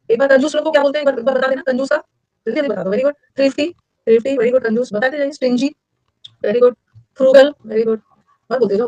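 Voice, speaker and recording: A middle-aged woman teacher rattles through a vocabulary lesson at a rapid clip. She repeats key words and fires questions at her students. Her voice sits a little high and sounds close and dry. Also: a little mellow, no echo, low-quality recording. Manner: quick, drilling repetition and quizzing. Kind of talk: vocabulary lecture.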